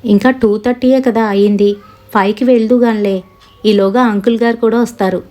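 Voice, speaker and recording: Woman doing a fussing middle-aged auntie, soft and insistent, a touch higher. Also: fairly even intonation, brisk, close to an everyday voice. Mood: insisting. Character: middle-aged mother, sweetly insistent host.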